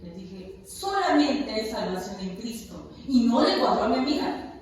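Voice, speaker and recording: High lively woman preaching in echoey hall. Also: normal speed. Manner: emphatic, questions the congregation. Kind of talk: sermon. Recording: echoey hall, far from mic, faint hiss.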